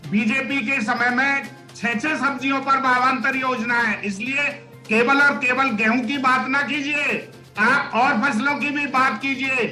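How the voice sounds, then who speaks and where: A party spokesman pushes his point in a TV debate with a very high, sharply bright voice. He keeps insisting the others listen. His feed sounds roomy and echoey, with faint music behind. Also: steady tone, unhurried. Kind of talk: heated TV debate.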